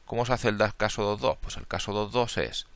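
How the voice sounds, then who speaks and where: A man's voice: lowish voice, fairly even intonation, a little fast, a bit bright, no room sound. A man lecturing through a combinatorics problem step by step, thinking aloud and correcting his own slips in a Spain Spanish accent. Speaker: math lecturer. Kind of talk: worked-problem lecture, counting steps aloud.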